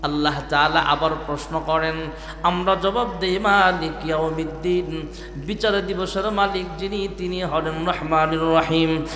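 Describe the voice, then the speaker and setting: High bright preacher in an echoey hall. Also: male voice, steady tone, a little slow. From Bangladesh. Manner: sing-song chanting delivery, calls on the crowd to respond. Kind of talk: Bengali waz sermon. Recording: echoey hall with music behind.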